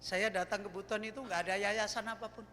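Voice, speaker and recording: Older man, preacher, high-pitched, bright, animated storyteller, echoey hall, faint hum. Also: a little fast. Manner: animated storytelling, acting out dialogue. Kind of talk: sermon with personal stories.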